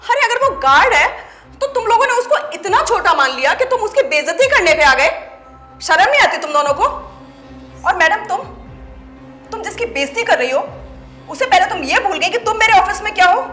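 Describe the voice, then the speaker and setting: A woman's voice: very high voice, expressive, fairly quick, a bit bright. An actress playing a principled woman boss who firmly scolds her staff in defense of her husband. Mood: indignant. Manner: firm, scolding, reproachful. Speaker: office boss and wife. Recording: echoey room with faint music.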